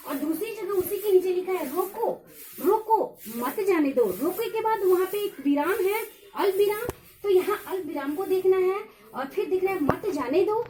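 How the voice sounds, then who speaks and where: A high-voiced woman lecturer whose pitch swings widely as she explains. Her tone is mellow rather than bright. She talks through a revision lesson patiently and slowly repeats key phrases, with fillers between points. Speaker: college lecturer.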